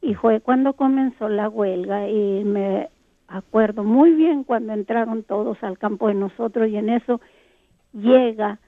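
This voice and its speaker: A woman's voice: mid-range voice, unhurried, no room sound. An older woman from Texas, calling in to a radio show and telling a long rambling story. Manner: rambling storyteller, many fillers. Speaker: radio caller. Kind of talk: phone-in recollection. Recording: tinny phone line.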